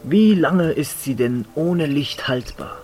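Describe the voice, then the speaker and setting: A man's voice: fairly high pitch, animated, slow, a little mellow, soft background music. A man playing a cocky, bumbling police detective in a comedic audio drama. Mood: cocky, dry.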